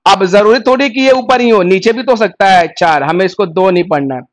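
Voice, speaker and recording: A man teaching an online exam-prep reasoning lesson, explaining step by step and reading the clues aloud slowly. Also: high-pitched. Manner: mixes Hindi with English words.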